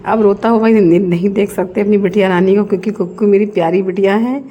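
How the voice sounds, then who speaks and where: A woman's voice: medium pitch, steady tone, fast, lo-fi sound. A middle-aged woman narrating her family's day in a chatty, homely storytelling way, as a vlogger.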